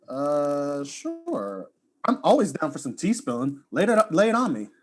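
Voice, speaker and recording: A man's voice: a little high, wildly swooping pitch, a little slow. An actor playing a laid-back young male video streamer in a student audio drama, talking in casual slang.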